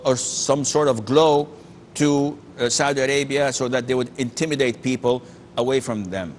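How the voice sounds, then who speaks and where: A man's voice: fairly high pitch, a little hiss or hum. Earnest, emphatic male sheikh. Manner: earnest, emphatic, with frequent restarts and Arabic phrases. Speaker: sheikh answering callers' questions. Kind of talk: call-in religious Q&A.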